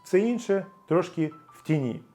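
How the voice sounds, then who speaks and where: A man's voice: high voice, animated, dark tone, faint music behind. Ukrainian man teaching English sounds. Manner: emphatic, demonstrates English words slowly with stress. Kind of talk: explanatory video lesson.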